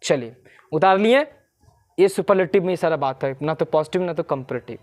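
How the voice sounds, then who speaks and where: A teacher giving a grammar lesson who keeps asking short questions and answering them, repeating key points and slowing down to spell out English phrases. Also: mid-range voice, animated, a little mellow.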